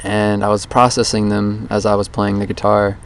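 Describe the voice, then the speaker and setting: Under a bridge, a man records a rambling, introspective audio diary for his daily challenge vlog, speaking casually into a handheld voice recorder. His lowish voice is monotone and clean, at a normal speed. Background noise comes through on this outdoor recording.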